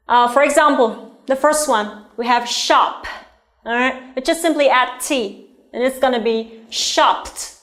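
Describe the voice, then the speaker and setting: A woman with a Vietnamese accent gives an English grammar lesson in a high, clear voice. She speaks slowly and deliberately, spelling out each example and checking in with her class after nearly every point. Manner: slow and deliberate, checks in with "all right?" and "okay?". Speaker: English teacher.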